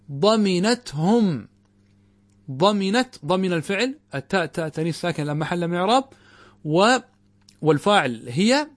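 A man teaching a grammar lesson, reciting quoted verses slowly and drawn out, and questioning his students rhetorically. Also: a little high. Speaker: Islamic scholar teaching grammar.

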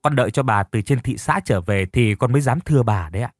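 A man's voice: mid-range voice, fast talker, no echo, clean studio sound, natural voice. A man voicing a timid young female house servant who stammers and speaks deferentially.

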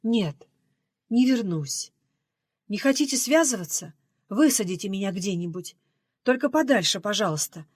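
A woman's voice: mid-range voice, lively intonation, moderate pace, pauses often, breathy edge, dry recording, clean studio sound. A woman reading the part of a stubborn, desperate young runaway woman in an audiobook, pleading and defiant.

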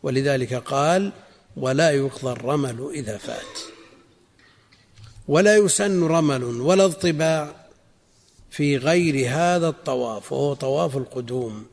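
A man teaching a religious text in a measured, explanatory way, repeating key phrases for emphasis. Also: medium pitch, darkish tone, big-room sound. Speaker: Islamic scholar teaching a text.

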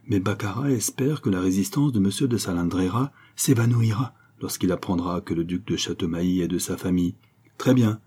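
A man voicing a cunning, gruff male bandit who broods and schemes, with sharp outbursts. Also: fairly low pitch.

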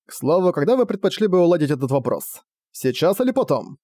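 A man's voice: fairly high pitch, sing-song, quick pace, dark tone, dry recording, pitched above the performer's own voice. A man voicing a cunning young prince who talks casually and mockingly. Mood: flippant. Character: young male prince, cool, cunning and flippant.

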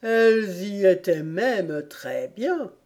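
A woman voicing a drowsy male dormouse with a slow, dreamy, half-asleep drawl in an audiobook. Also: mid-range voice, animated, darkish tone. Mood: sleepy. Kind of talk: audiobook character voice.

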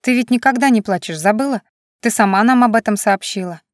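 A woman reading a gentle mother's lines in a soft, tender, half-whispered way in an audiobook. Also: a little high, fairly quick, no echo, clean studio sound, natural voice. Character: gentle loving mother comforting her little daughter.

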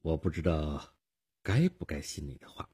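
A man's voice: medium pitch, huge pitch swings, normal speed, husky, voice pushed up. A man playing a suspicious young male fugitive who talks in a guarded, grudging way in a storytelling performance.

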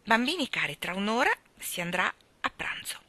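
A woman reading the part of a gentle, patient young caretaker who speaks kindly and calmly. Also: medium pitch, normal speed. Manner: kind, calm.

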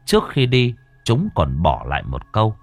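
A man narrating a ghost story in a dramatic, expressive, scripted style. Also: lowish voice, normal speed, vocal fry, no echo, faint music behind.

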